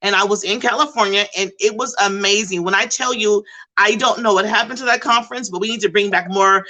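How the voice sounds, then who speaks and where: Woman, middle-aged, bright voice, animated, emphatic storyteller. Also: mid-range voice, fairly quick, low-quality recording. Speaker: behavioral support intervention specialist. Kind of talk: panel discussion.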